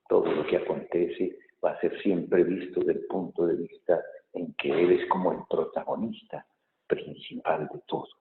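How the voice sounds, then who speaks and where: A man as a priest reading the Gospel at Mass and giving a homily in a measured way, pausing to think, with a cathedral echo around him. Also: low-pitched, creaky. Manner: measured reading, thoughtful homily with pauses and fillers. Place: large church. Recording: echoey church hall, tinny phone-like sound.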